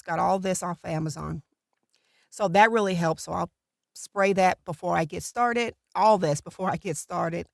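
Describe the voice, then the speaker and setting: Speaking to camera from a small recording booth, a middle-aged voiceover artist casually walks through a routine, her fairly low voice carrying natural vocal fry. The sound is dry and clean, studio grade.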